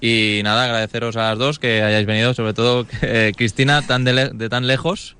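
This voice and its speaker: A man's voice: medium pitch, fairly even intonation, brisk, sharp tone, clean tone. A man hosting a casual interview, encouraging and often rephrasing his questions. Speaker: radio host, interviewer. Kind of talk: casual local radio interview.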